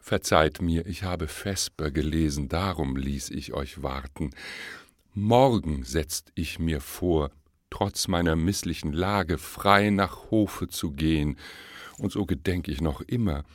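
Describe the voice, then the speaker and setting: A man playing a sly, flattering fox. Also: rumbling low, slow, dry recording, studio quality, heavily acted. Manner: smooth, courteous, scheming. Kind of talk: audiobook reading of a verse fable.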